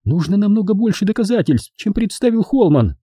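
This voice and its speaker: A man voicing a sharp-tongued, scornful woman with a piercing falsetto in an audiobook. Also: big pitch swings, brisk, dry recording, clean studio sound, heavily acted. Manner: contemptuous, snapping. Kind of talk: audiobook character voice.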